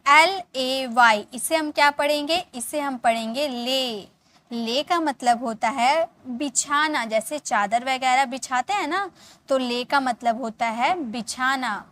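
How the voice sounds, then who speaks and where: A woman teaches an English lesson with a high voice. She spells each word, repeats it slowly and keeps checking that her students follow. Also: a bit bright.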